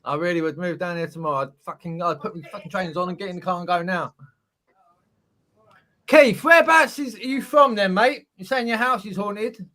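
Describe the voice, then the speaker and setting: A British man chatting casually on a live stream, excitable and swearing freely, with loud laughs. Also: sits high, brisk. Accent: British English. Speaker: co-host of paranormal live stream.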